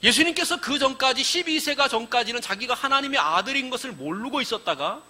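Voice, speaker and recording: Male pastor, sermon, very high and bright voice, vivid storyteller who acts out the quotes. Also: brisk. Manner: animated storytelling, acting out quoted lines.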